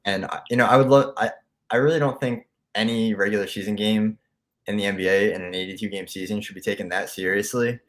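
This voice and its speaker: A man with a fairly low voice, talking through his views on a casual sports podcast. He sounds steady and sure of his opinions and reasons them out as he goes. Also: quick pace. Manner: steady, opinionated, thinks aloud. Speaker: podcast co-host.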